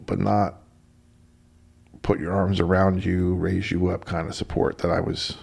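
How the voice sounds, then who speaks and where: A middle-aged man hosting a radio show, telling a personal story in a lively way and acting out the dialogue he quotes. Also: measured pace. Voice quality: deep gravelly voice. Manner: animated, acts out quoted dialogue.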